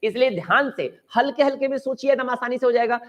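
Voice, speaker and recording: A man's voice: very high voice, fast, lo-fi sound. A man from India teaching English grammar in a coaching class, mixing Hindi and English, encouraging students and repeating key words for them to say back.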